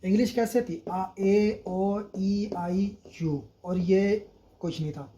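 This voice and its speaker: A man runs a pinyin drill, saying each syllable on its own. His voice is dark and mellow, and he speaks very slowly. His delivery is patient, like a tutor's. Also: high-pitched, fairly even intonation, dull audio. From Pakistan. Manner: slow and deliberate, repeating sounds one by one. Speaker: language teacher. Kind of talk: slow pinyin drill lesson.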